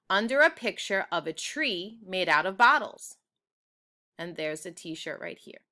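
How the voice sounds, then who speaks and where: Reading a children's book aloud, a woman uses a bright voice of average pitch. Her narration is expressive, and she speaks directly to her young listeners.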